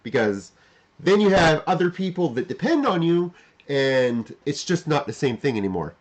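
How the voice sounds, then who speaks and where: At a moderate pace, a man in his forties with a somewhat high, sing-song voice muses unscripted to his livestream chat. Reflective in tone, he keeps restating and reworking his points with emphasis.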